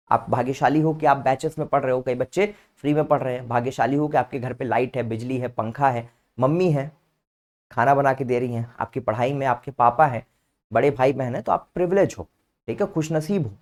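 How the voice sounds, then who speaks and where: His voice is fairly high and a little mellow. In an online vocabulary class, this male teacher spells every word out letter by letter with patience, addressing his students affectionately as "beta."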